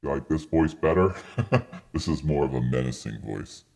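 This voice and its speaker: Guy on a voice changer set to a super low menacing voice, gravelly, teasing. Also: expressive, moderate pace, a little mellow, full character voice. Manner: teasing, showing off the setting. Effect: voice changer set to a deep menacing voice.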